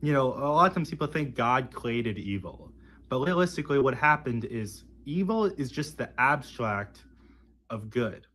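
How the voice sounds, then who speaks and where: A man's voice: mid-range voice, expressive, normal speed, fairly bright tone. A man giving an informal explanatory talk in a didactic, conversational manner. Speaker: video speaker explaining religious belief.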